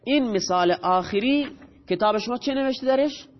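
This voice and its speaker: A man teaching a grammar lesson in a classroom, explaining step by step and quizzing his students with questions. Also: very high voice. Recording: dull audio with long hall reverb.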